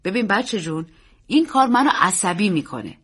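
A woman's voice: medium pitch, sing-song, a bit bright, slightly rough. A woman voicing a jovial grown uncle who speaks in a teasing, coaxing way. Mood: wary. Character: jovial grown uncle, amused then wary.

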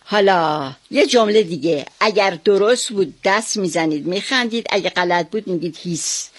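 A woman teaching a class of young children, speaking in an animated, exaggerated way and praising them often. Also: mid-range voice.

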